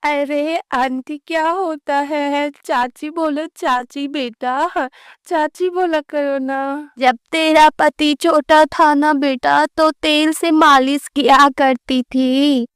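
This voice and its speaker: A woman's voice: sits high, steady tone, slow, no room sound, studio quality. A woman voicing an older neighbour aunt in a cartoon story, fussy and easily offended.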